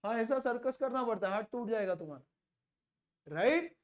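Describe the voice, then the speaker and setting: A male teacher giving a classroom physics lesson, repeating key terms slowly and mixing in English, playful and acting out little imagined exchanges. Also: very high voice, lively intonation.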